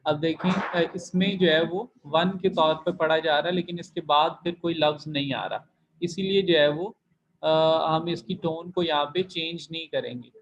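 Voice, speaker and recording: A man's voice: a little high, muffled recording. A man teaching a Chinese language class online, explaining rules patiently and repeating each point step by step. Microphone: computer mic in video call.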